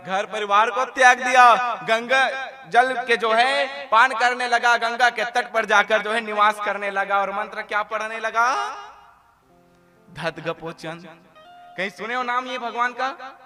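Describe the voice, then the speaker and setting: A man telling a devotional story as a sermon, lively and quizzing his audience. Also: high voice, measured pace, soft background music.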